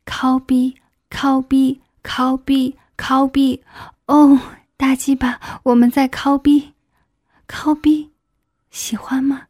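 A shy married schoolteacher, played by a woman reading an adult audiobook speaks breathily and often sinks into a whisper. Her voice is fairly high and sounds close and dry. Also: level tone, slow pace, a little mellow, no echo. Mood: breathy aroused.

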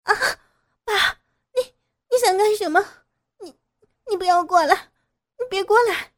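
A woman reader voicing a frightened young married woman in an audio story, shrill and tearful as she pleads. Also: normal speed, no room sound, clean studio sound. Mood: panicked.

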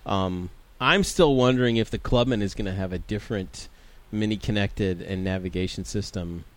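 A man's voice: fairly low pitch, moderate pace, no echo. A man chatting casually as a podcast host, his speech slightly slurred by a swollen tongue. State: swollen tongue, as after the dentist. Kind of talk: casual chat.

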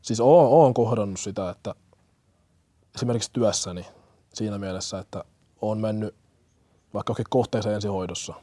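Young man, low voice, earnest, hesitant, dry close sound. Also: long pauses, mellow, dry recording. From Kenya. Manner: earnest, hesitant, many fillers and restarts. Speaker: firefighter-paramedic. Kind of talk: interview answers.

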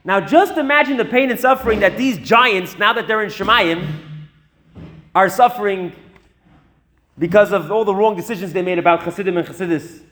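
A man teaching through a story, animated, with chatty asides and frequent repeated words. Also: sits high, moderate pace, slight background noise. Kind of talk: storytelling lesson.

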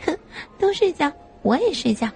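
A woman's voice: sits high, sing-song, moderate pace, gravelly, darkish tone, soft background music, voice pushed up, exaggerated voice. A woman voicing a playful young adult younger sister with a coy, whiny teasing tone.

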